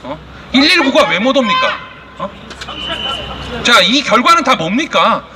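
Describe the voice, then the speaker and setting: Over a noisy crowd, a rally speaker and press conference moderator delivers an indignant, fiery protest speech, hurling accusations and rhetorical questions. His very high voice is extremely animated yet measured in pace, booming through a loud PA with long reverb.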